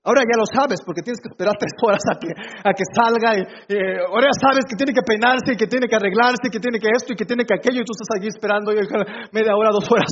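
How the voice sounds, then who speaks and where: High-voiced preacher, playful and conversational. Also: male voice, quick pace, hardly any pauses, highs cut off, slight background noise. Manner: conversational, asks the congregation questions, playful humor. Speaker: pastor. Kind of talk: sermon. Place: church before a congregation.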